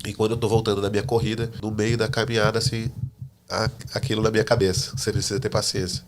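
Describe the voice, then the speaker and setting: A man telling his personal faith testimony as a podcast guest, a lively storyteller who acts out the dialogue he quotes. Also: on the low side, fast, slight background noise. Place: living in the United States.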